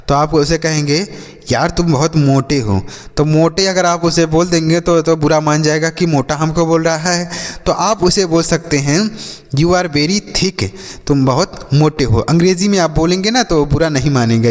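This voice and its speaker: A man with a slightly raised voice gives a beginner's English lesson. He spells out every word letter by letter and goes over each meaning again and again, calling his viewers children. His voice trails off into a long hall reverb. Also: a little high. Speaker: English teacher.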